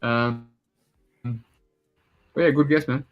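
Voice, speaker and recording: Very slowly and with fairly even intonation, a podcast host chats casually in a medium-pitched voice over soft background music, with the highs cut off. He has a mixed Serbian-Australian accent, a laid-back manner, and swears now and then.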